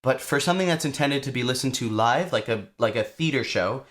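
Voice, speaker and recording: A young adult man explaining songwriting to viewers in a chatty, lively way, with casual asides. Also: medium pitch, a little fast. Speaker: songwriting teacher.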